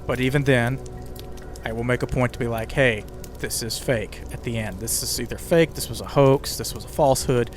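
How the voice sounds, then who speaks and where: Over ambient music and the crackle of a fire, a podcast host and writer narrates from a conversational script, now and then tossing the listener a casual aside. He speaks at medium pitch and a moderate pace.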